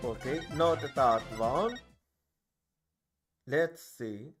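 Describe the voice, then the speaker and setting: Slow, musing man streamer thinking aloud. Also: mid-range voice, expressive, husky. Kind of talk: casual gameplay commentary. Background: game music.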